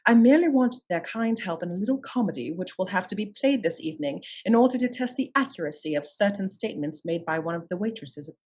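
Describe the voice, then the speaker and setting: A woman's voice: medium pitch, darkish tone, slightly rough. A woman playing a self-assured aristocratic lady detective in a radio play, formal and articulate.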